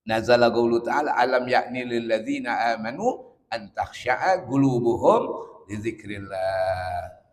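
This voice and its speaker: A man's voice: medium pitch, measured pace. Man, religious teacher, Arabic recitation then playful explanation, long hall reverb. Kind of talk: kitab study lesson.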